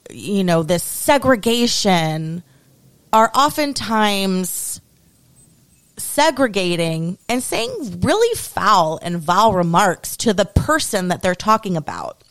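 A woman's voice: lowish voice, clear, resonant tone, dry recording. A woman hosting a solo podcast, ranting with sarcasm and heavy swearing. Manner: sarcastic, swears freely, swings between mock praise and outrage. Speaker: podcast host. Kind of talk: solo opinion podcast rant.

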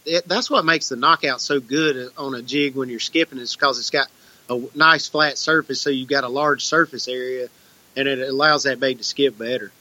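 A man's voice: medium pitch, steady tone, moderate pace, pushed and bright, dry recording. A man chatting casually about fishing as an interview guest. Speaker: guest, tournament bass angler.

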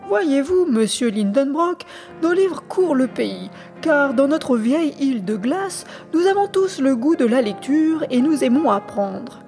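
A woman's voice: high-pitched, big pitch swings, unhurried, a little mellow, soft background music, pitched above the performer's own voice, exaggerated voice. A woman voicing a polite, helpful male scholar, explaining patiently in a storybook reading. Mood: courteous. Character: courteous Icelandic male scholar, helpful host.

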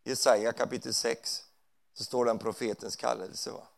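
Gravelly guy preaching in a church, talks casual, keeps checking in w the room. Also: mid-range voice, flat delivery. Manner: conversational preaching with frequent tag questions. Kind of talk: sermon. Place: church hall.

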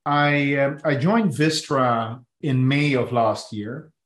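This man from the Netherlands, a business executive in his forties, talks slowly and hesitantly in a conversational interview, restarting often. His voice is mid-range, and the recording is reverberant.

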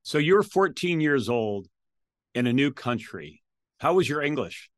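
A man hosts an interview, moving between questions in a relaxed, conversational way and filling pauses with "uh" and "um." His voice sits in an ordinary male range, and the recording sounds close and dry. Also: mid-range voice, no room sound. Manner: friendly, conversational, with frequent fillers. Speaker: podcast host.

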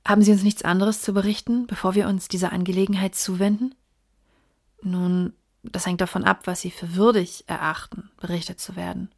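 A woman reading the part of a sharp male detective in an audiobook, in a measured, lecturing way. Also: medium pitch, flat delivery, gravelly. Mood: reasoning. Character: sharp, precise male detective explaining deductions.

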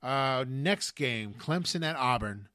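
A man co-hosting a sports podcast, giving game picks in casual chat and speeding up in animated bursts. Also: medium pitch, slow, no room sound, clean studio sound. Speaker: podcast co-host.

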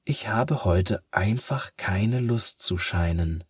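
Mann spricht eine traurige, müde Sonne. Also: male voice, fairly low pitch, animated, husky, no room sound, clean studio sound, full character voice. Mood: downcast, slow. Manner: slow, sighing, downcast. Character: sad weary sun, slow and gentle.

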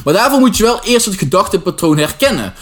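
A man's voice: high voice, big pitch swings, fast talker. A young man with a Dutch accent, hosting an unscripted solo podcast as an online personal trainer, talking casually with slang and English phrases mixed in.

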